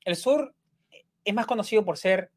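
A man's voice: high voice, moderate pace. A man co-hosting a casual podcast chat, telling anecdotes and acting out the lines he quotes. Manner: animated storyteller, acts out quoted lines. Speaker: podcast co-host.

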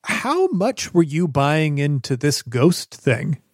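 A man's voice: fairly high pitch, sing-song, slow, no room sound, studio quality. A man narrating a tabletop game as game master, casual and conversational, improvising as he describes scenes.

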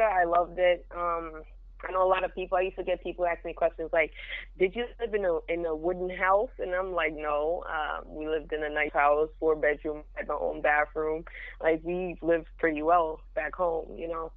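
Over a tinny phone line, a young woman from Jamaica speaks as a podcast guest, straightforward and candid about her life in a relaxed interview. She has a lowish, steady voice at normal speed, and the recording is dry.

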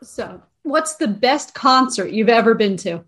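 A woman's voice: fairly high pitch, animated, measured pace, a bit bright. A woman hosting a casual interview, asking questions in a friendly, upbeat manner. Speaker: interview host.

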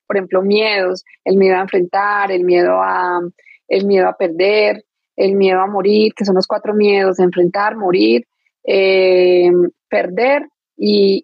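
A woman's voice: mid-range voice, slightly rough, no room sound, lo-fi sound. A woman, a guest explaining emotional wounds through everyday examples, often restarting her sentences. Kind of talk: explanatory interview talk.

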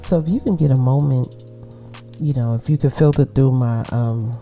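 A middle-aged woman with a Brooklyn accent hosting a casual solo podcast, talking to women listeners in a laid-back, unhurried, conversational way. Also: very deep voice, warm tone, soft background music. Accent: Brooklyn, New York. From Brooklyn, New York. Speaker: podcast host.

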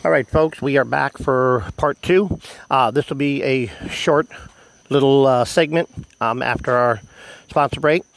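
An American man hosting a solo podcast, speaking haltingly with many ums and whistling slightly on his words because of missing teeth. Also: mid-range voice, gravelly, no room sound, poor audio. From United States. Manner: halting, filled with ums and pauses. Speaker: podcast host. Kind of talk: solo podcast announcements to listeners.

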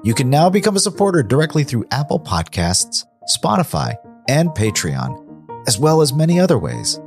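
A man's voice: fairly high pitch, wildly swooping pitch, normal speed, vocal fry, darkish tone, faint music behind. A man hosting a podcast, delivering scripted narration to his listeners. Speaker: podcast host.

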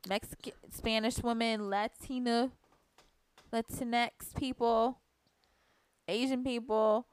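A woman's voice: on the high side, fairly even intonation, slow, clear, resonant tone, no room sound. A woman co-hosting a podcast in casual chat, talking emphatically and firing off rhetorical questions. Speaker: podcast co-host.

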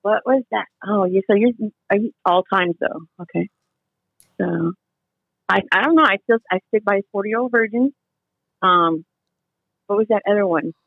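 A woman's voice: medium pitch, moderate pace, creaky, pauses often, husky, no echo, narrow, tinny audio. A woman in her thirties, a podcast guest chatting about movies in a giggly, playful way. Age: 30s. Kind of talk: casual chat about movies.

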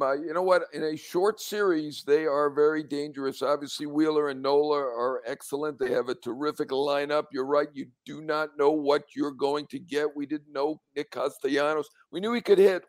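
A man's voice: fairly high pitch, no room sound. A man giving casual sports commentary as a reporter and co-host, in short, choppy sentences.

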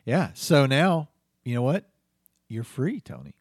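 A man's voice: medium pitch, lively intonation, unhurried, no echo, clean studio sound. A man from North Carolina co-hosting an improvised comedy podcast, laughing often as the exasperated straight man. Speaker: podcast co-host.

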